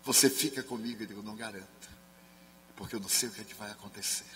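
A Spiritist speaker and medium from Brazil, a man, telling a personal story at a seminar, acting out the dialogue and dropping to soft murmurs when quoting others. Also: fairly low pitch, fairly even intonation, quick pace. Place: large sports and culture hall. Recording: reverberant hall, faint hum.

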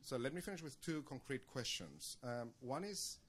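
A man in the audience asking academic questions at a panel discussion in a large conference room, measured with hesitant restarts. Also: medium pitch, very animated, a bit bright, a little hiss or hum.

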